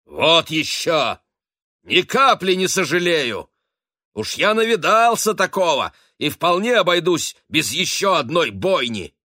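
A man voicing a weary old sea captain in an audiobook, speaking in a booming, grim and forceful manner. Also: unhurried, no echo, clean studio sound. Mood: angry.

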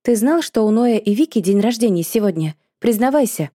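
A woman voicing an impulsive, emotional young woman who speaks up loudly and complains in an audiobook. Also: on the high side, a little fast, no room sound, clean studio sound, voice pushed up. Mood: excitable. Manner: excitable, complaining, raised voice.

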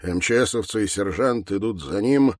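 A man narrating an audiobook in a matter-of-fact, measured way. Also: on the low side, no echo, studio quality.

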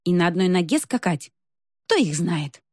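A woman voicing a timid teenage girl who speaks quietly and conspiratorially, with dry humor. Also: on the low side, very animated, normal speed, husky, dry recording. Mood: wry.

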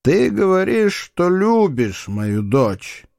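A man's voice: sits high, very animated, gravelly, a little mellow, dry recording, studio quality, pitched above the performer's own voice, heavily acted. A man doing a pompous, stern old doctor. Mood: condescending. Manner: pompous, measured.

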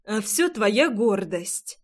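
A woman reading an audiobook voices the heroine's bossy friend, who scolds and teases in slow, drawn-out words. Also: fairly high pitch, expressive. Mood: scolding. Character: bossy, teasing adult female friend.

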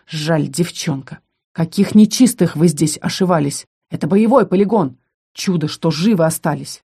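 Woman doing a sneering rough young fighter. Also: low voice, normal speed. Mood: angry. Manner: loud, sneering, barking. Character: brash young male combat student, mocking and rough.

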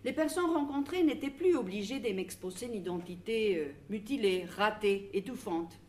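A woman's voice: medium pitch, animated, a little mellow. Argentine woman reading a conference talk. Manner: measured, reads from notes with small restarts. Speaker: researcher presenting at a public debate.

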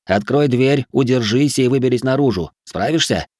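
A man's voice: mid-range voice, moderate pace, darkish tone, dry recording, studio quality, pitched above the performer's own voice, lightly acted. A man voicing the first-person hero of an audiobook, speaking urgently and insistently. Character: determined young man, urgent leader.

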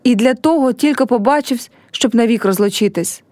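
A woman's voice: fairly high pitch, moderate pace, darkish tone, dry recording, lightly acted. A woman reading a play aloud and voicing an earnest, troubled poor young man in love.

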